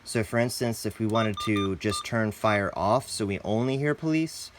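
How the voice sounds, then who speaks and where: A male tutorial host with a fairly low voice walks through a product at a moderate pace, with background noise behind him. He talks in a relaxed, straightforward way and calls viewers "guys."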